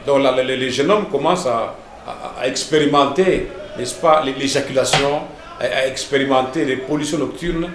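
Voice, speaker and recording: Pastor teaching in an echoey room. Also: male voice, mid-range voice, moderate pace, crowd noise. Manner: didactic, repeats words and tags lines with "hein" and "n'est-ce pas".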